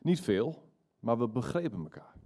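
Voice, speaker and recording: A man's voice: medium pitch, sing-song, normal speed, mellow. A man voicing an earnest young woman, the granddaughter of a dying old man, in an eager, raised voice.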